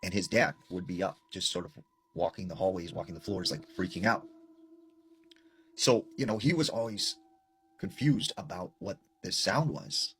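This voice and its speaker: A man casually retelling a scary story, rambling with filler words and dropping quiet at the tense parts. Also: low voice, normal speed, slight background noise.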